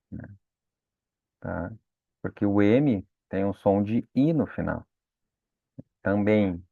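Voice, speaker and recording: A Portuguese teacher with a fairly low, gravelly voice gives a patient grammar lesson, constantly checking in with students using "né?" and "tá?". The recording is dry and phone-like, with no room sound.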